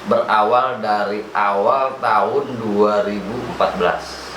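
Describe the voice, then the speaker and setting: A man's voice: lowish voice, steady tone, takes it slowly. A man with a Jakarta-area Indonesian accent chats casually as an interview guest, giving short answers that he often repeats. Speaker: guest, firefighter and fire truck operator. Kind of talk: casual chat. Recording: echoey room with clear background noise.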